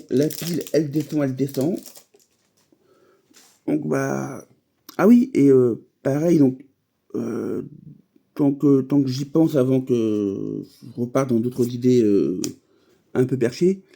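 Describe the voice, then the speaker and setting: A man's voice: medium pitch, creaky, mellow, breathy edge. A man chatting casually while opening trading card packs, rambling from thought to thought with many fillers and restarts.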